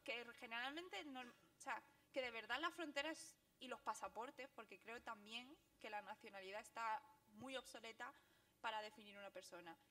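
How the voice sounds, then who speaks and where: Andalusian woman speaker, young, high-pitched, quick and lively, laughs often while telling stories to a crowd. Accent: Andalusian Spanish. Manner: fast, animated, laughing storyteller. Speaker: guest speaker, graphic novelist. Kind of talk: public talk at a book presentation.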